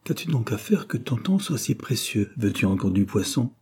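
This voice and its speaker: A man's voice: lowish voice, big pitch swings, moderate pace, mellow, husky, exaggerated voice. A man reading aloud voices a stern middle-aged father who reproaches his sons. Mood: reproachful. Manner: reproachful, dry.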